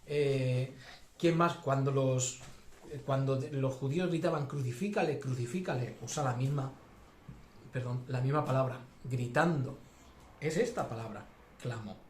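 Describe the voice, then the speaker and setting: A man's voice: medium pitch, a little slow, long pauses, darkish tone, slight background noise. A man preaching a sermon as pastor, thinking aloud with many fillers and restarts. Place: church hall. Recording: echoey church hall.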